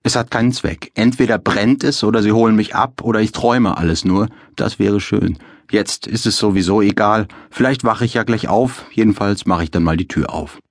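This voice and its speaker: A man's voice: fairly low pitch, normal speed, no echo. A man reading his own novel as an audiobook in a dry, wry first-person style. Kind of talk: audiobook narration.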